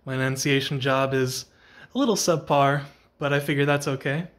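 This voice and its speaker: A tired young man vlogs casually after his workday, his mid-range voice steady, slightly scratchy and soft-spoken at normal speed, as he rambles and keeps correcting himself.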